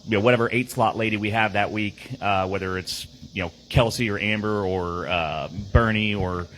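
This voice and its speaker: A man's voice: fairly low pitch, normal speed, fairly bright tone, slight background noise, rough recording. A man talking through his team's game on a casual podcast, rambling with lots of fillers and restarts. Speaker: team player on a podcast.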